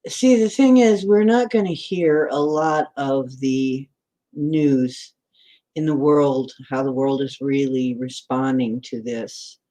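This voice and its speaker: Answering viewer comments along the way, a woman in her sixties rambles through a livestream chat. She has a rumbling low, mellow voice, a steady tone and a slow pace.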